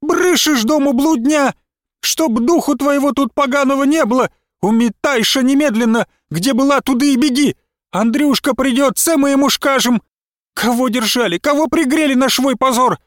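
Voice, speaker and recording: Guy doing a shrill old granny screaming curses, lisping, way up high, dry close sound. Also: moderate pace, no echo, close to an everyday voice. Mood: enraged. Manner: cursing, wailing, hurling insults. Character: furious old peasant woman, mother-in-law.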